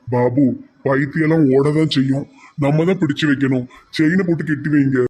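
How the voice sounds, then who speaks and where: Cartoon boss, male, harsh and commanding, Tirunelveli accent, slightly high voice, voiced by a man. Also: normal speed, a little mellow, breathy edge. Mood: stern. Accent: Tirunelveli Tamil. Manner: commanding, scolding.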